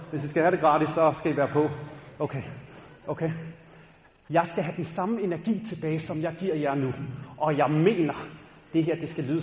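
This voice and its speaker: A man's voice: fairly high pitch, darkish tone. A man from Denmark telling a funny story on stage to a live audience, playful and talking straight to the crowd. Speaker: stand-up storyteller and rapper. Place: large concert hall. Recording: echoey hall, dull sound.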